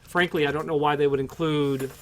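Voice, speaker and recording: A man's voice: fairly high pitch, level tone, a little fast. A man explaining door hardware off the cuff, talking in loose, restarting sentences full of fillers. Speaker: hardware product presenter. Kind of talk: unscripted product explanation.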